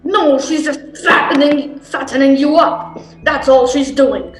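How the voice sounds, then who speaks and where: A high-voiced, exasperated female spectator, acted by a woman, pleads and shouts panto-style warnings at the characters of a comic stage play. She draws her words out in a roomy space with faint music. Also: measured pace. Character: frantic, exasperated horror-movie-style audience member yelling warnings at the story. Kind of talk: comic stage theatre acting.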